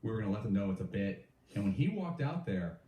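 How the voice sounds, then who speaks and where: A man co-hosting a chat show, quickly piling up details of a prank story. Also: on the low side, very animated, warm tone, recorded from a distance, lo-fi sound. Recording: roomy sound from off mic, faint ambience.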